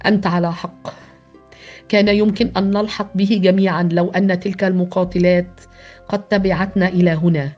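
A woman's voice: fairly low pitch, steady tone, fairly quick, lightly acted. A woman voicing a tense, uneasy young man in an audio novel. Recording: dull lo-fi with background music.

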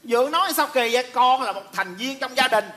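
A man's voice: very high voice, lively intonation, a little fast, bright, forceful tone, exaggerated voice. A man playing a nosy, prying grown son who insists on being told the family secret, in a live stage comedy skit. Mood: insistent.

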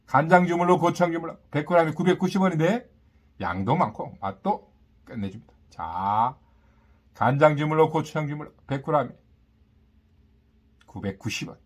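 A man working as a market vendor, calling out prices and specials in short, repetitive, boastful sales patter. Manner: hawking pitch, repetitive, punchy short phrases with boastful catchphrases. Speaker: market vendor announcing produce and meat prices.

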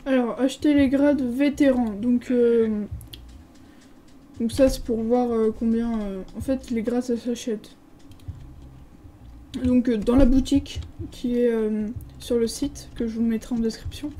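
A woman with a French accent walks through a game server, reading out signs and filling pauses with hesitant filler sounds. Her voice sits a little high but sounds very warm and mellow. A faint background noise runs under the casual home recording. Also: steady tone, low-quality recording. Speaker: gaming video creator.

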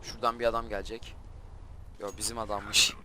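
A young man hosting a gaming channel, giving casual gameplay commentary and quickly flaring up in frustration. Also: lowish voice, flat delivery, slight background noise. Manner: frustrated, quick to flare up and shout at the game.

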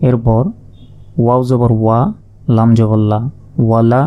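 Slow bangladeshi guy spelling out quran words letter by letter, flat even voice. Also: medium pitch, clean tone, lo-fi sound. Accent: Bangladeshi Bengali. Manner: slow, methodical letter-by-letter teaching. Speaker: Quran recitation teacher. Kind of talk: spelling-out recitation lesson.

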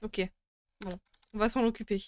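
Her voice is medium-pitched and steady, moving at a moderate pace, as this young adult woman gives casual commentary on a horror game she's streaming from home. She startles easily, grumbles to herself, and swears without holding back, with rain and game music audible behind her.

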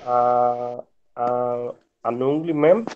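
A man's voice: medium pitch, drawn-out words. A man student answering in class, hesitant and unsure of himself. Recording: dull lo-fi audio.

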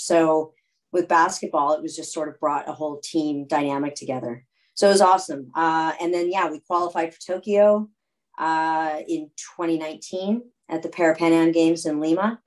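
Relaxed low-voiced woman in her thirties, guest on a video call from home. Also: low-quality recording. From California, United States. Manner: relaxed, rambling, with fillers and restarts. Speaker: guest, athlete. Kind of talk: casual video call interview. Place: home room.

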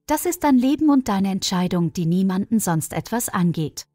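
A woman's voice: mid-range voice, big pitch swings, moderate pace, mellow, no echo, faint music behind. A woman voicing a loyal young female friend, fiery and protective, blunt and encouraging, in a storybook reading.

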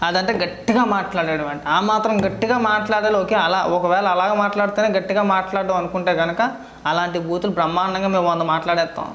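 Rapid and high-pitched, a male commentator fires off sarcastic rhetorical questions in a scolding political monologue. The voice rings in an echoey room with a faint hiss behind it. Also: steady tone, fairly bright tone, lo-fi sound.

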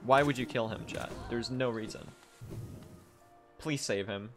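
Excitable young man streaming a speedrun. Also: mid-range voice, measured pace, soft background music. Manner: excitable, pleading, talks to chat. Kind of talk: live-streamed game commentary.

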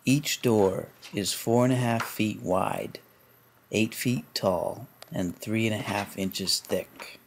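A man with a lowish voice reads a scripted promotional voice-over. His delivery is even and measured, with a faint hiss of noise under it. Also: creaky. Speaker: narrator.

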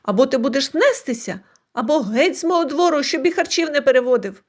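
A woman plays a meek, put-upon old grandpa from a folk tale, spoken much like the storyteller's own voice. The delivery stays lively and high, with a wide swing of pitch. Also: fairly quick. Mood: plain.

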